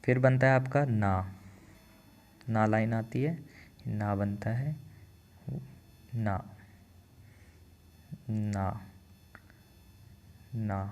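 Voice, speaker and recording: A man's voice: on the low side, fairly even intonation, slow pace, long pauses, darkish tone. A man teaching a writing lesson, patiently counting out each stroke aloud as he explains. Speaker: language teacher.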